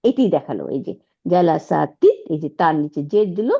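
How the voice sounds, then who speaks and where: A woman's voice: sits low, sing-song, fast, dark tone. A woman teaching Arabic grammar, explaining step by step and often asking her students whether they follow. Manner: checks understanding with frequent rhetorical questions. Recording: dull lo-fi audio.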